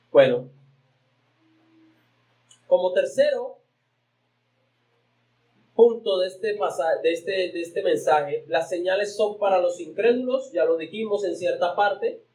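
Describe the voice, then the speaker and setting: Pastor, male, high voice, emphatic sermon delivery with big pitch swings, repeats words mid-phrase. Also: takes it slowly, pauses often, darkish tone, low-quality recording. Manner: preaching with emphatic pitch swings, reading scripture aloud; repeats words while searching for the next phrase.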